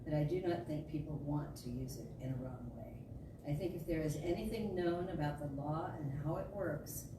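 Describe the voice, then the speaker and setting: A deep-voiced woman, reading like a storyteller, gives an emphatic, declarative rendition of a metaphysical sermon with deliberate phrasing. It's a dramatic reading of a spiritual talk in a large indoor room at a spiritual center. The recording is noisy and echoey, captured from far off in the hall.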